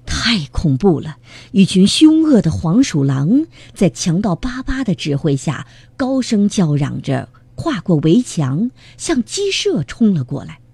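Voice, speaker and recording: Woman storyteller, children's story reading, slow, lively pitch, dry close sound. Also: creaky, slightly rough, no echo. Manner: expressive, dramatic.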